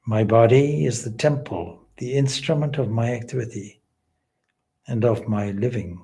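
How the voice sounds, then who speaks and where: A man leading a guided meditation as a spiritual teacher, speaking in measured, deliberate, solemn phrases with long pauses. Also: mid-range voice, dark tone.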